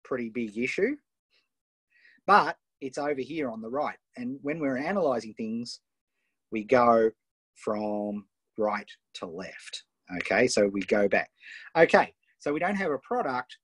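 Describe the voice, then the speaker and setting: An Australian man hosting a live online coaching session, enthusiastic and firing off quick questions over a video call. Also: mid-range voice, expressive, a bit bright, husky, dry recording. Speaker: host and coach.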